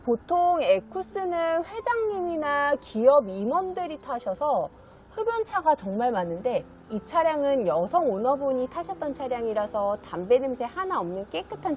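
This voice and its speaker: Presenting a car for sale, a woman dealer reads a polished, courteous promotional script in a high, lively voice whose pitch moves freely. Music plays behind her, and there's a little hiss or hum on the recording.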